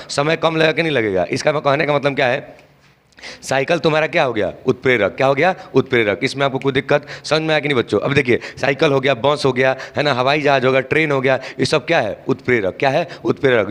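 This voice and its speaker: A man's voice: mid-range voice, fairly bright tone. A man teaching chemistry in a call-and-response style, often asking a question and answering it himself and checking whether students understood. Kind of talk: call-and-response classroom lecture.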